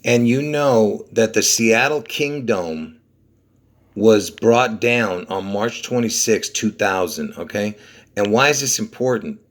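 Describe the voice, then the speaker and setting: A man's voice: on the low side, a bit bright. Rambling, insistent man walking through numbers. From Lebanon. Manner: rambling, insistent, repeats numbers, frequent "okay?" and "you see?". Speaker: video host. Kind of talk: conspiracy numerology video walkthrough.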